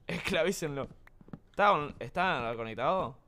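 A man's voice: fairly high pitch, expressive, slow pace, bright, forceful tone, slight background noise. A young man with an Argentine accent chatting live while gaming, full of crude banter, slang and swearing. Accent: Argentine Spanish. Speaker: streamer. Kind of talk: live gaming stream chat.

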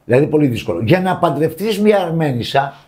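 A man co-hosting a showbiz gossip show, talking casually and mocking the celebrities he discusses with scorn. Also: a little high. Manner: scornful, mocking, animated opinions.

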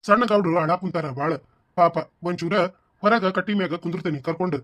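A voice actor playing a gentle, obliging male farmhand in a cartoon, speaking low, plain village talk with a North Karnataka Kannada accent. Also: fairly quick. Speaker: village servant, husband of the maid. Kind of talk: cartoon voice acting.

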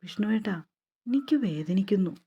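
A woman's voice: medium pitch, moderate pace, warm tone, muffled recording, lightly acted. A woman voicing a timid young bride, pleading. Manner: pleading, fearful.

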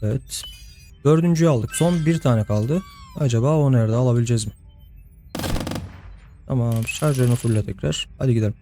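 A man's voice: medium pitch, a little fast, pauses often, music in the background. A young man giving casual let's-play commentary, chatting to the game's characters and laughing often. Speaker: gameplay host.

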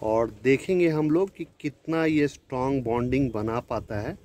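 A man's voice: mid-range voice, normal speed, a little mellow, a little hiss or hum. A man talking viewers through a hands-on repair outdoors in a chatty tutorial style, mixing in English words as he works. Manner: chatty, addresses viewers as friends, Hindi mixed with English words. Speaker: DIY repair video host. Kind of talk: casual tutorial narration. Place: outdoors beside a scooter.

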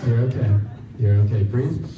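A man's voice: medium pitch, normal speed, muffled recording. Distant, echoey man commanding a noisy crowd. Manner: commanding, repeats short instructions. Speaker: stage hypnotist hosting a show. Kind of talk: live stage hypnosis show, giving commands to volunteers. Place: large crowded indoor hall. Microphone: far audience camera. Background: audience noise and laughter.

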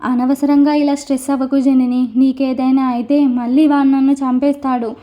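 A woman doing a calm, soothing young man. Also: sits high, normal speed, natural voice. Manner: soothing, patient, coaxing. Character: calm, reassuring young man, gently insistent. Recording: dull lo-fi recording.

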